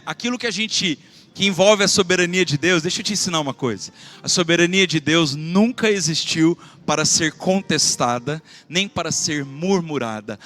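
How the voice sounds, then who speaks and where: A man preaching a fervent sermon as pastor of his church, swinging between loud exclamations and quiet asides and calling out questions to the congregation. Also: sits high. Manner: asks the congregation for call-and-response.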